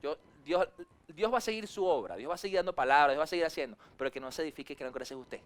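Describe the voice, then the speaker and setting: Pastor, male, fairly high pitch, preachy delivery with big rises and drops. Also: animated. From Venezuela. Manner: preachy, rises and drops sharply for emphasis, acts out quick asides. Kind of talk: sermon.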